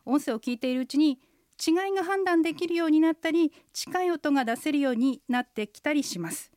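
A woman co-hosting a radio language lesson, slowly and carefully explaining how sounds are pronounced. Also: sits high, a little mellow, no room sound, clean studio sound. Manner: slow, careful explanations of pronunciation. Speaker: Chinese language instructor and co-host. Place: radio studio.

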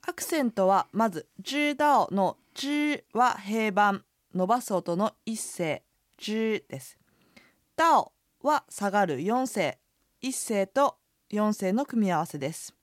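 A woman co-hosts a radio language lesson with a mid-pitched voice, explaining expressions and tones briskly. Her voice is recorded dry and close, with no audible room. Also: lively intonation, no echo.

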